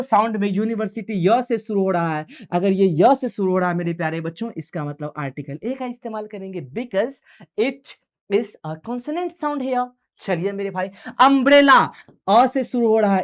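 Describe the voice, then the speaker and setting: A male teacher leads an online exam-prep grammar class in a familiar, coaxing tone. He keeps asking questions and answering them himself, and drops English grammar terms into his quick explanations. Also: sits high.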